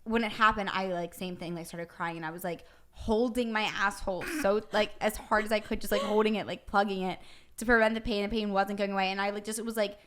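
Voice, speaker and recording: A woman's voice: medium pitch, fast talker. A young woman co-hosting a podcast, telling candid stories in casual chat with lots of fillers. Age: young adult. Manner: candid, animated storytelling with frequent fillers. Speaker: podcast co-host.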